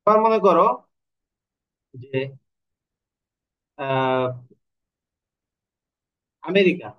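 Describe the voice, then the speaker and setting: Bangladeshi male tutor, slightly high voice. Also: lively intonation, lo-fi sound. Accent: Bangladeshi Bengali. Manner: explains step by step, asks rhetorical questions; stretches syllables slowly to demonstrate. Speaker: Bengali literature tutor. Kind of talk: online lecture.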